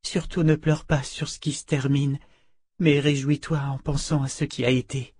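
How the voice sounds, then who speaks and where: A man's voice: fairly high pitch, level tone, moderate pace, a little mellow, breathy edge, no echo, pitched above the performer's own voice. A man reading the lines of a dying wizard speaking tenderly to his wife. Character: dying young-looking male wizard, tender.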